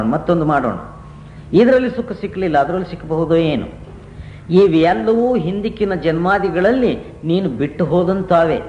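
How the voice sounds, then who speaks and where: A man preaches to a gathering, his voice sitting a touch higher than most men's. He teaches through stories and rhetorical questions. The old recording is roomy, with a faint hiss underneath. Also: darkish tone, muffled recording. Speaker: spiritual teacher. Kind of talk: devotional discourse to a gathering.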